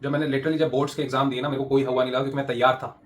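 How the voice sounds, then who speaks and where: A man in his thirties speaks at a quick, tumbling pace, mid-pitched and conversational. He shares tips with aspiring actors in a loose, animated coaching chat, full of fillers. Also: a little hiss or hum. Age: 30s. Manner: fast, chatty, animated storytelling with frequent fillers and laughs. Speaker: TV actor giving acting tips. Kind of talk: casual advice talk to aspiring actors.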